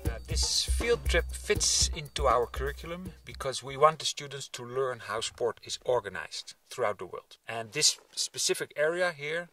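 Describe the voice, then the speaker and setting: A man in his forties, a programme manager, calmly explaining in an outdoor interview on a snowy mountain road. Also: mid-range voice, normal speed, few pauses, music in the background. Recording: voice a bit far from the mic.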